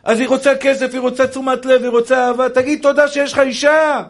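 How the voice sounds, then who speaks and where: A young male rabbi delivers a fervent sermon in a notably high voice. He pleads and scolds his listeners and keeps calling each of them brother. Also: little pitch movement. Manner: impassioned preaching, addressing listeners as brother.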